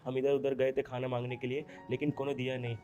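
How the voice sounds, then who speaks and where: Poor young villager, humble and pleading, played by a man; flat delivery, soft music bed. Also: mid-range voice, quick pace, dull audio, natural voice. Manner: humble, pleading, rustic speech. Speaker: runaway husband from a village. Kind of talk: scripted short drama.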